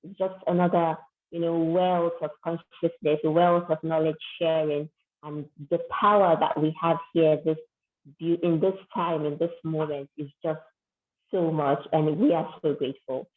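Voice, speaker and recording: A woman's voice: deep voice, steady tone, a little slow. A woman moderating an online panel, effusive and grateful, thanking her guests over and over. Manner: effusive, grateful, repeats herself. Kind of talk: webinar moderation. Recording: tinny phone-like call audio.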